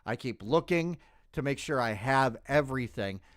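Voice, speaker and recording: A man's voice: mid-range voice, animated, moderate pace, a bit bright, dry recording, studio quality. A man hosting a stream, reacting to a video in a blunt, profane casual rant that often breaks off mid-word. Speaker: streamer host.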